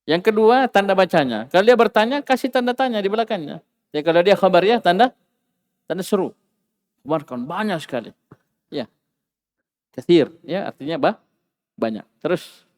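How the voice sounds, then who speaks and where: A man's voice: sits high, animated, moderate pace, long pauses, in a large hall. A man teaching an Arabic class, who asks the students questions and repeats key words with rising emphasis.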